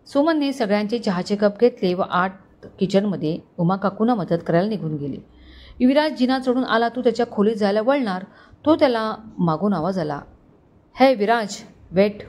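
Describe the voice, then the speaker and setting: A woman storyteller reading a romantic family story in a steady, expressive way. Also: medium pitch, moderate pace. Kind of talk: scripted story narration.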